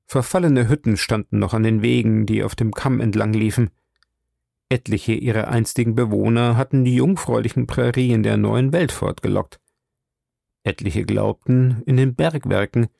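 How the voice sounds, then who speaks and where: A man reading a novel aloud as a first-person audiobook narrator, slow and measured. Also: medium pitch, vocal fry, mellow, dry recording, studio quality.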